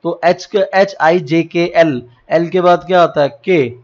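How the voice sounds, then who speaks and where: In a dull, lo-fi recording, a male teacher with a North Indian accent lectures slowly in a fairly high voice. His classroom-style talk mixes in English terms, and he spells letters out one by one.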